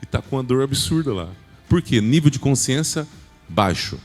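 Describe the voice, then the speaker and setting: Speaking at normal speed, this man has a medium-pitched, darkish voice with big swings in pitch. He's a business speaker at a church event giving a forceful sales pep talk and frequently quizzing the crowd, while long reverb and faint music fill the big hall.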